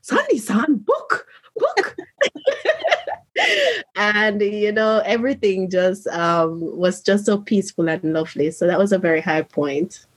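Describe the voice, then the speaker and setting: A woman's voice: mid-range voice, big pitch swings, measured pace. A woman from Jamaica, an interview guest and author, telling her story in an earnest, reflective way. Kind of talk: conversational interview.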